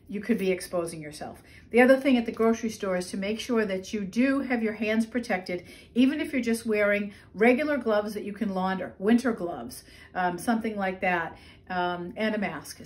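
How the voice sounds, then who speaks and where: A woman in her fifties, a nurse, giving a practical step-by-step demonstration in her home kitchen, recorded on a phone camera up close. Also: mid-range voice. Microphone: phone camera at close range.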